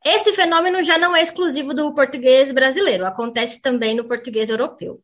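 A woman teacher on a radio program, clearly and didactically explaining pronunciation and saying example words aloud. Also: high-pitched, a little fast. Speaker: language teacher.

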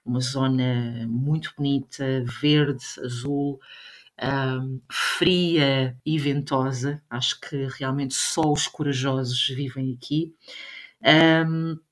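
A woman's voice: rumbling low, fairly even intonation, slow pace. A woman from Portugal with a European Portuguese accent answers as an interview guest, a teacher and coach. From rural western Portugal.

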